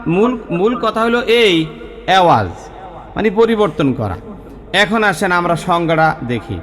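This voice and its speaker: Casting: high-pitched male recitation teacher, patient and repetitive, roomy reverb. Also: lively intonation, a bit bright. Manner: patient, repeats rules slowly, drawn-out recitation. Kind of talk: tajweed lesson.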